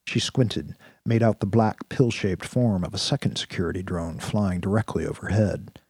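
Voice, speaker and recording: A man narrating a sci-fi action story in a steady, vivid storytelling manner. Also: deep voice, moderate pace, slightly rough, no room sound, studio quality. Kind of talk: audiobook-style story narration.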